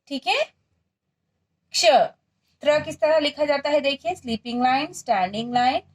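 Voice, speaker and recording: A woman's voice: high-pitched, normal speed. A woman teacher with an Indian accent giving a first-grade lesson, drilling letters in a sing-song way. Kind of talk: primary school lesson.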